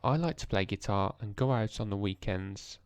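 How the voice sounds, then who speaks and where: Hushed, tired man at a quiet desk. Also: lowish voice, normal speed, clear, resonant tone, dry recording. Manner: hushed and tired, thinking aloud. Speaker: language learner vlogger. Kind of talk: casual screen-recorded vlog.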